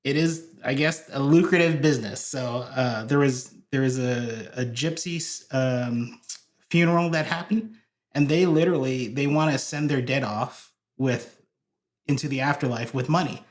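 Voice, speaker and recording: At medium pitch and a moderate pace, a Hawaii-born church video director chats as a podcast guest in a casual interview. His storytelling rambles, with many fillers and restarts.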